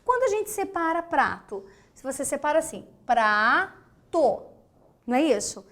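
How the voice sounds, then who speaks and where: A woman's voice: high-pitched, sing-song, fairly quick. A woman teacher with a Brazilian Portuguese accent giving a grammar lesson, emphatic, repeating key words and checking in with the class.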